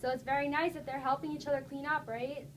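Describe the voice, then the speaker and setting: Reading a story to young children, a woman speaks quickly in a high voice with flat delivery. She frequently stops to ask check-in questions and encourage them during this interactive read-aloud, captured in a noisy classroom.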